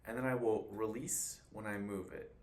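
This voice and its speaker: A man's voice: lowish voice, fairly even intonation, moderate pace, loud music behind the voice. A man teaching cello in a patient, encouraging way, counting beats aloud as he demonstrates. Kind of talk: instructional demonstration. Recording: roomy room with faint noise.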